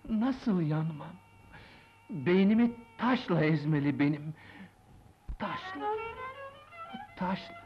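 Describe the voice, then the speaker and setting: A man's voice: fairly high pitch, expressive, unhurried, pauses often. An actor playing a remorseful older father who laments and blames himself in an old film drama. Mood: anguished. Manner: anguished, lamenting monologue. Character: remorseful older father, grieving and self-blaming. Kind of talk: 1950s film drama acting. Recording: dull old film soundtrack with music.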